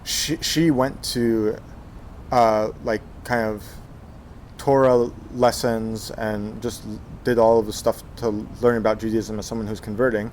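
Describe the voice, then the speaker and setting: A young man in his twenties with a lowish voice tells his life story, stopping and restarting often with plenty of ums. Faint noise sits under the recording. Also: little pitch movement, unhurried, a little mellow. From Texas, USA. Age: 20s. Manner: hesitant, many fillers and restarts. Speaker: interview guest. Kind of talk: casual life-story interview.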